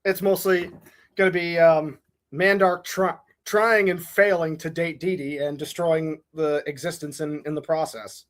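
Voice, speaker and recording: A man's voice: a little high, little pitch movement, a little slow. A young man co-hosting a casual podcast, laid-back and opinionated, laughing often. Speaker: podcast co-host. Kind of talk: casual chat.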